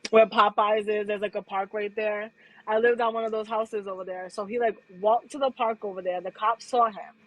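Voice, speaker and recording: A woman's voice: medium pitch, little pitch movement, normal speed, rough recording. A young woman with a New England accent, co-hosting a podcast and telling stories in a casual way, acting out what others said. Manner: storytelling with quoted voices, laughs along. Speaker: podcast co-host. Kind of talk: casual chat on a livestream.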